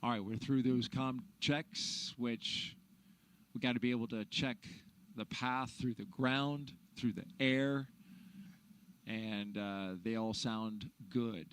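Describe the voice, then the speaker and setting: A man hosts a live launch broadcast, commentating and interviewing in a mid-pitched voice. There is faint noise in the recording. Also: fairly even intonation, takes it slowly, fairly bright tone.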